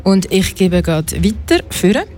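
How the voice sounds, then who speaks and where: A woman radio host, giving a brisk, upbeat show introduction. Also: lowish voice, sing-song, a little mellow, slight background noise.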